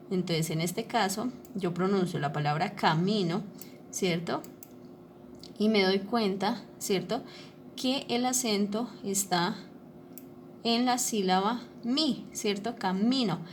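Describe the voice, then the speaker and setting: Over a faint hiss or hum, a female teacher with a medium-pitched voice explains a lesson using slides. Patient and repetitive, she keeps checking understanding with "¿listo?" and "¿cierto?"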